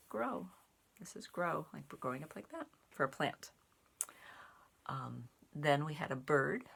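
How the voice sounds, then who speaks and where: Her voice is low and slightly rough, with vocal fry and a fairly bright tone. Working as a storyteller and sign language teacher for little kids, she reads and explains in simple words. The clip mixes a picture-book read-aloud with casual sign language teaching.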